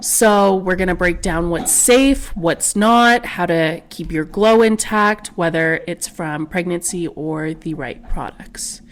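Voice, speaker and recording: A woman's voice: fairly low pitch, slow pace, hardly any pauses, a little hiss or hum. A young woman co-hosting an esthetician podcast, chatting and explaining skincare in plain terms. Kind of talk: casual podcast chat.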